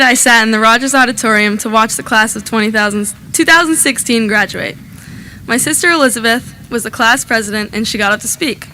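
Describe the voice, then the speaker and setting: A woman's voice: fairly high pitch, bright, forceful tone. A young woman, senior class president, giving an upbeat and proud speech into a podium microphone at an outdoor graduation. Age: young adult. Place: outdoor graduation on a school field.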